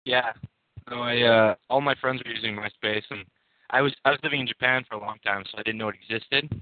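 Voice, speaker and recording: A man's voice: medium pitch, steady tone, fast talker, no room sound. A man calling in over a phone line, talking hesitantly with many fillers. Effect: heard over a phone line. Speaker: caller. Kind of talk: casual chat. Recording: narrow phone-line sound, dry.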